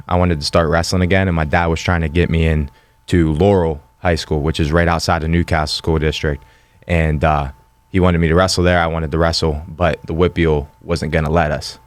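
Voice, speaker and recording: This is a low, clean-toned male voice belonging to a fighter in his twenties from western Pennsylvania. Appearing as a guest in a casual interview, he tells his story plainly and matter-of-factly.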